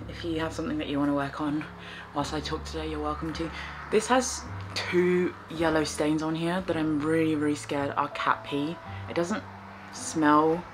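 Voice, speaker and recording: Brief: woman in her 20s, low voice, quiet and reflective, casual vlog chat with faint music in the background. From England. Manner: soft-spoken, reflective, low-key. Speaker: fibre artist and vlogger. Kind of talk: casual chat to camera while knitting. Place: small living room, indoors, on a sofa.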